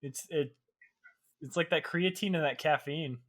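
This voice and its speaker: Brief: young male co-host, slightly high-pitched, eager banter. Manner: excitable, profane, quick to laugh. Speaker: podcast co-host. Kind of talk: casual chat.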